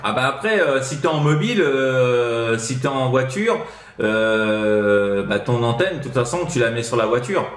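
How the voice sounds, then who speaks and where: This CB radio operator, a man from France with a French accent, gives advice in a casual, rambling, hesitant manner full of tag words. His mid-range voice has lively intonation and a measured pace, over a noisy background and roomy echo.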